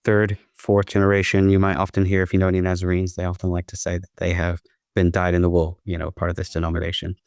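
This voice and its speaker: A man's voice: low voice, completely flat delivery, fast talker, darkish tone, dry recording. A middle-aged man from the southern United States, a college principal talking as a podcast guest in an earnest, conversational way. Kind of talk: podcast interview.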